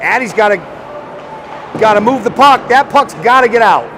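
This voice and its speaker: A man calling a hockey game live, excitable and chatty, shouting on scoring chances and joking with the listeners. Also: sits high, moderate pace, background noise. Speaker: play-by-play commentator.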